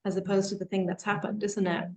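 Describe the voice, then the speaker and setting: A woman's voice: medium pitch, level tone, fast, darkish tone. A woman moderating a webinar discussion, thinking aloud in a reflective, conversational way and often adding tag questions.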